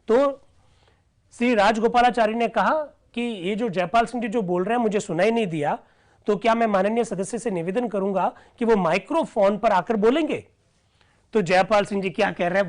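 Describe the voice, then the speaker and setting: A man teaching an online class reads out old debate records and explains them, often checking whether his listeners are following. His voice is high-pitched and his pace moderate.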